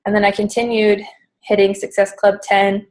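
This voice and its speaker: A woman's voice: medium pitch, flat delivery, moderate pace, darkish tone, low-quality recording. A pregnant woman in her thirties, a little out of breath, talking casually with many ums as she leads a pre-recorded team coaching call from home. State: slightly out of breath.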